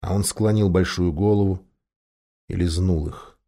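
Warm-toned male storybook reader. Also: low voice, vocal fry. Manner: expressive, measured reading. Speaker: audiobook reader. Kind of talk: storybook narration.

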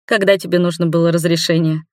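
A woman's voice: on the low side, little pitch movement, fast, no echo, natural voice. A reader voicing a tired, blunt middle-aged woman who answers dryly and curtly. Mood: weary, curt. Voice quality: dry, curt. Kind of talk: audiobook dialogue.

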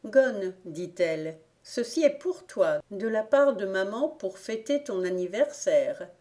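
A woman's voice: medium pitch, expressive, takes it slowly, warm tone. A woman voicing a proud little girl who patiently explains things to her friends in a coaxing way.

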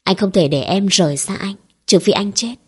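A woman reading the lines of a cold, domineering, possessive young husband in a storybook, calm and commanding. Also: medium pitch, normal speed, husky.

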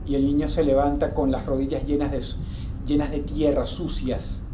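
A man narrating a horror story slowly and dramatically, drawing out his words and repeating them insistently. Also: fairly high pitch, level tone. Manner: slow and drawn out, with insistent repetition. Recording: echoey room with background noise.

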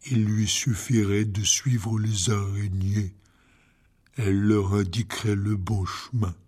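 A huge hot-tempered gamekeeper in a storybook, bellowing in a loud, strained voice. He talks slowly and drags his words. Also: lowish voice, husky.

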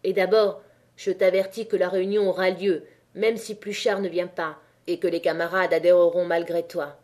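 Earnest young male miner leader, idealistic, read by a woman in a mellow voice. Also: lowish voice, flat delivery, normal speed, close to an everyday voice. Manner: earnest, pleading.

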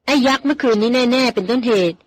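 A woman reading the part of a seasoned male jungle hunter in a storybook, speaking slowly and steadily. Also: sits high, husky, voice pushed up. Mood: calm.

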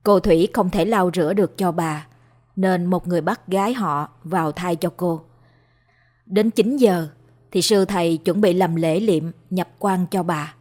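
A woman storyteller narrating a ghost story in a calm, measured way. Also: fairly low pitch.

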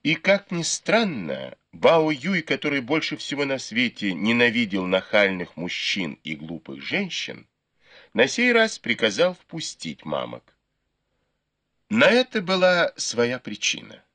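A man narrating a classic novel as an audiobook, in measured storytelling. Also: mid-range voice, sing-song, sharp tone, dry recording. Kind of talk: scripted narration.

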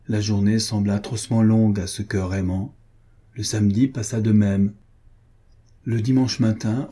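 A man reading a nineteenth-century romance novel aloud in calm, measured narration. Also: lowish voice, breathy edge. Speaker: audiobook reader.

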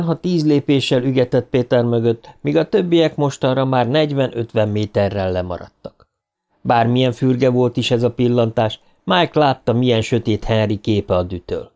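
A man narrating an audiobook in a dramatic, expressive reading style, voice rising as the tension builds. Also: mid-range voice.

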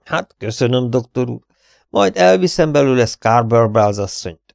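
A man's voice: medium pitch, animated, gravelly, a little mellow, dry recording, clean studio sound, pitched above the performer's own voice. A man voicing a polite, grateful old farmer who speaks in a deferential way. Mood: humble.

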